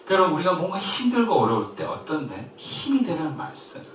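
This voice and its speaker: A man from Korea preaching a sermon as pastor, in a lively way that swings from emphatic to soft and gentle. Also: a little high, fairly quick, a little hiss or hum. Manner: lively, shifts between loud and soft, quiet gentle quoted comfort. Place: church sanctuary. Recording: very echoey church from far off.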